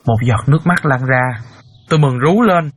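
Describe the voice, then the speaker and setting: A man's voice: medium pitch, lively intonation, moderate pace, slightly rough, dry recording, studio quality. An actor playing a middle-aged father who earnestly recounts a painful story. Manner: earnest storyteller, cries out in emotion. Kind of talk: audiobook character acting.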